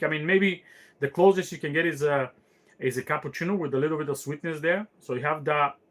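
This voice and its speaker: A podcast host fields listener questions in a casual chat, his slightly high, somewhat bright voice wandering thoughtfully with plenty of fillers and restarts.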